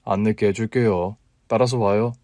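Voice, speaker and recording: A man voicing a calm, persistent young man who answers in short, matter-of-fact lines, reading a story. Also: on the low side, normal speed, dry recording, studio quality, lightly acted. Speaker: story reader.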